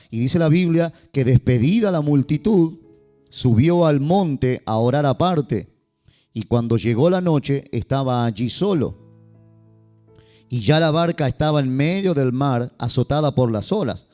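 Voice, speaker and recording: Male pastor, warm lively sermon delivery, faint guitar underneath. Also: medium pitch. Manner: lively, joking asides to the congregation.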